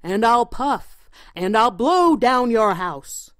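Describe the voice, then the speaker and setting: A woman voicing the big bad wolf in a storybook reading, drawing out loud threatening demands. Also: fairly high pitch, very animated, dry recording, heavily acted. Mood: blustering. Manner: slow, drawn-out bellowing demands. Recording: dry close recording.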